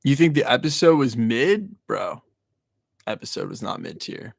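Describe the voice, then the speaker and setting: A man's voice: mid-range voice, sing-song, moderate pace, creaky, breathy edge, dry recording, clean studio sound. A man hosting a late-night livestream, chatting casually with viewers in a loose, profane, slang-heavy way. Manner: loose and profane, joking rants to chat; slang-heavy, addresses viewers as "y'all" and "bro". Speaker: livestream host. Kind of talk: casual livestream chat, reading and answering viewer comments.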